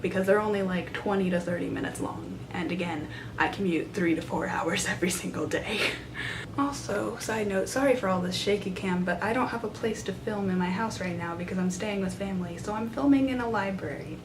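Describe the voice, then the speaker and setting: A young adult woman chatting casually and enthusiastically to camera as a book vlogger, recorded on a handheld camera in a small room. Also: a little fast. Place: small side room in a library, indoors. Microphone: camera at arm's length. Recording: noisy room with low rumble.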